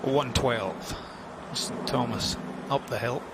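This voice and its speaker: A male golf commentator calls play live. His voice is middling in pitch, and clear outdoor ambience runs behind it. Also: slow, very noisy.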